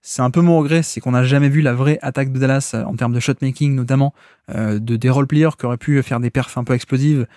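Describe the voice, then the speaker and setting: A man's voice: mid-range voice, fairly even intonation, quick pace, dark tone, no echo, clean studio sound. A man hosting a solo basketball podcast, explaining game tactics step by step in unscripted, analytical talk.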